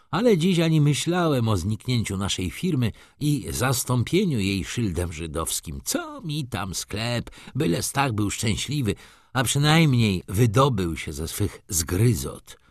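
A man narrating a novel in the first person for an audiobook, with expressive storytelling emphasis. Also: medium pitch, dry recording, clean studio sound.

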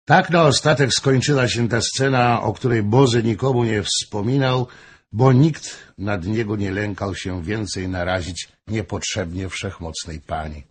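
Slow, husky male narrator. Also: lowish voice. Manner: measured, even storytelling. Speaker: audiobook narrator. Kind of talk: scripted narration of a historical novel.

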